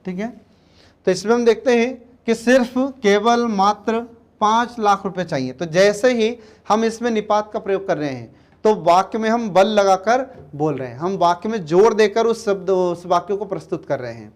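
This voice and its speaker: A man teaching an exam-prep grammar lesson, going slowly, repeating words and often checking that students follow. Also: high voice, expressive, a little mellow.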